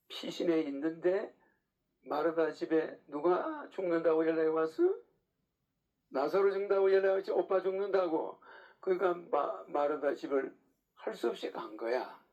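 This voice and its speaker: A man's voice: fairly high pitch, unhurried, long pauses, darkish tone. A man preaching a sermon in a casual, lecturing way, often checking in with rhetorical questions. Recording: dull lo-fi recording.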